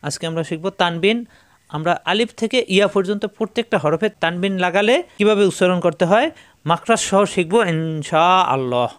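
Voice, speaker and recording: High-voiced man teaching Quran recitation. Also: smooth, no room sound. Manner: patient, repeats syllables slowly for learners. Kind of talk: step-by-step recitation lesson.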